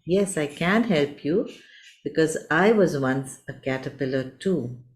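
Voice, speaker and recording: A woman voicing a kind, wise butterfly in a storybook tale, speaking in a gentle, soothing, patient way. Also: low-pitched, lively intonation, measured pace.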